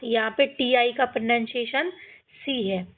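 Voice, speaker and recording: A woman teaching English pronunciation with an Indian accent, sounding out words syllable by syllable and repeating each one slowly. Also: a little high. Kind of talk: slow teaching lesson. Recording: dull lo-fi phone-like sound.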